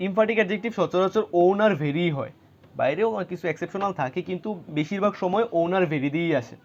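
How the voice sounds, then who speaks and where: A man's voice: high voice, fast talker, lo-fi sound, a little hiss or hum. A man teaching English grammar, explaining patiently and checking in with rhetorical questions. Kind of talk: explaining grammar lesson to students.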